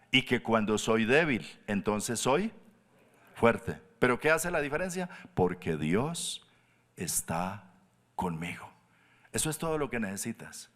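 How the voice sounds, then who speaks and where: A pastor preaching a sermon, animated, jumping up high for emphasis and dropping to soft low tones. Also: male voice. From Colombia.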